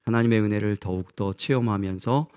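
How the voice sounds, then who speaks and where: Earnest low-voiced male pastor preaching. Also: a little fast, a little mellow, smooth, dull audio. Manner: earnest, asks the congregation questions. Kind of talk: sermon.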